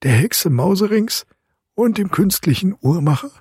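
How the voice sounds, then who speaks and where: A strange old clockmaker godfather with a snarling, monotone chant, pitched high. His voice is husky and breathy, as a male reader puts him on. It is a storybook reading. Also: unhurried, no room sound, clean studio sound, full character voice. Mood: coaxing.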